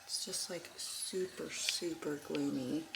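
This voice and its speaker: A young woman chatting casually to her vlog in a hushed, half-whispered voice, as if others nearby are asleep, recorded indoors at home. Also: low voice, takes it slowly, vocal fry, heavy background noise. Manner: hushed, half-whispered speech so as not to wake sleepers. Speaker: vlogger.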